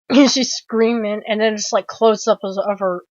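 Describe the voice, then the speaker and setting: A woman's voice: mid-range voice, fairly even intonation, a little slow, darkish tone, dry recording, dull audio. A woman casually retelling a horror movie's plot in a rambling way, full of "like", restarts and the odd swear word. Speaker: film reviewer.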